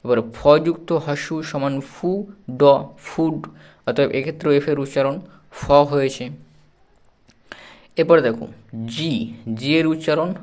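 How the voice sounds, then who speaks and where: A man teaches letter sounds slowly and patiently, breaking each word into its letters. His voice sits a little high for a man. It is the steady, careful delivery of a children's phonics lesson. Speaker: English teacher.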